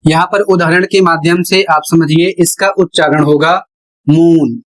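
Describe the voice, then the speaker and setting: Slow, deliberate male teacher. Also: a little high, steady tone, a bit bright, poor audio. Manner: deliberate, repeats each rule step by step. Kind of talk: slow classroom explanation at a board.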